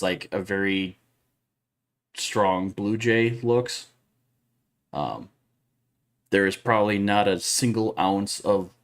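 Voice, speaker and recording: A man with a lowish voice narrates his character's moves in a tabletop game. He takes his time, stretching out each descriptive phrase at a very unhurried pace. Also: a bit bright, slight background noise. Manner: slow, drawn-out descriptive narration. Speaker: player.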